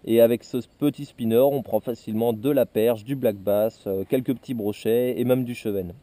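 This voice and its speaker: A man walks through a gear presentation in a casual teaching tone. His voice is deeply mellow and dark, at a middling pitch. He often pauses on hesitations as he explains. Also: fairly even intonation, no room sound. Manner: explanatory, frequent "euh" hesitations. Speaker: fishing channel host.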